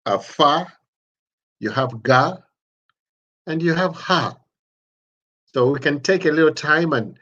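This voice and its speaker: Male teacher, mid-pitched, patient and repetitive delivery, slightly dull lo-fi recording. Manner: patient, repeats syllables slowly, many restarts. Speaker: language teacher. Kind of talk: online language lesson.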